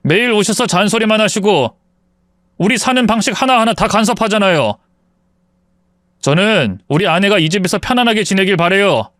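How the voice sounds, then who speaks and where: A man's voice: high voice, lively intonation, normal speed, fairly bright tone, no room sound, clean studio sound, pitched above the performer's own voice. A man voicing a protective young husband who speaks bluntly and firmly. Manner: firm, exasperated pleading. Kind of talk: storybook voice acting.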